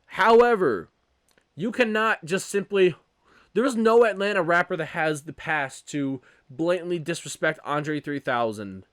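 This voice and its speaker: A young man hosting his own podcast, talking casually and rambling with frequent self-corrections and animated opinions. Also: a little high, a little slow, no echo, studio quality. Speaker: podcast host. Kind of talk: casual solo podcast commentary.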